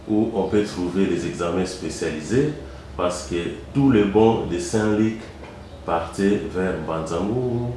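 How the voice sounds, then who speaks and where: A man from Kongo Central with a Congolese French accent, answering interview questions in a measured, hesitant way with frequent fillers. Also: low voice, darkish tone, a little hiss or hum. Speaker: founder of a medical centre, interviewee. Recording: very echoey room.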